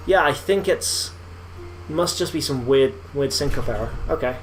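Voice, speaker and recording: A man's voice: mid-range voice, normal speed, a little hiss or hum, rough recording. A man hosting a let's play, commenting casually on a game with wry exasperation.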